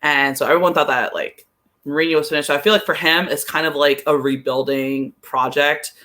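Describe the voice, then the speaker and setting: Speaking a little fast with a sharp tone and middling pitch, a podcast guest talks casually about soccer. The delivery is conversational and hesitant, with thoughts worked out aloud and lots of "like."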